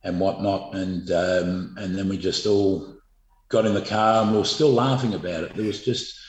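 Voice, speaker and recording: Australian man, middle-aged, very deep voice, rambling anecdotes, echoey room. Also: fairly even intonation, moderate pace. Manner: rambling, laid-back, many fillers. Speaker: guest, former footballer. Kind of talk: storytelling interview.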